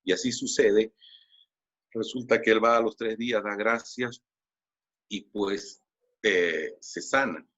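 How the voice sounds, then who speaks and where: A man's voice: fairly low pitch, takes it slowly, pauses often, a bit bright. A man preaching a sermon in a conversational, storytelling way, retelling Bible stories with quoted lines and everyday fillers. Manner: conversational, with fillers and tag questions. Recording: dull lo-fi recording.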